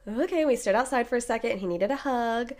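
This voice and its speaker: A woman in her thirties, hoarse from being sick, co-hosting a podcast in casual chat and laughing often as she tells stories. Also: fairly high pitch, quick pace. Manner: chatty, laughing often, animated retellings. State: hoarse from illness. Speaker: podcast co-host.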